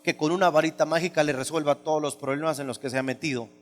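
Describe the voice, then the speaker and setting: A man's voice: steady tone, quick pace. A male pastor preaching a sermon, emphatic and conversational, often asking the congregation questions. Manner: emphatic, shifts from loud high exclamations to low asides. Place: church hall. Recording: hall reverb.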